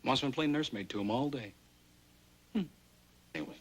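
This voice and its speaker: An actor playing a harried young newspaper reporter, exasperated and stammering, in a 1960s sitcom. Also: male voice, medium pitch, brisk, slight background noise, close to an everyday voice. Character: harried young male reporter, put-upon nephew.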